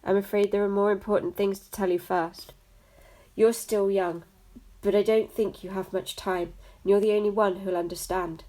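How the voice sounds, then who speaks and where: A woman voicing a wise, sad old grandfather cat in a soft, grave tone. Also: medium pitch, level tone, moderate pace, natural voice, low-quality recording.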